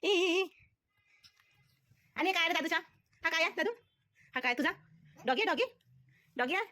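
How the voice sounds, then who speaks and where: Woman cooing at her toddler at home, super high sing-song baby talk, bright and ringing. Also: expressive, moderate pace. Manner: sing-song, coaxing, repetitive. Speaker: vlogger and mother.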